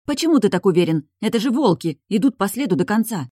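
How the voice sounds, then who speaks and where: A woman's voice: mid-range voice, animated, quick pace, warm tone, no room sound, studio quality, pitched above the performer's own voice, close to an everyday voice. A woman voicing a frightened yet defiant young armed woman who snaps anxious questions.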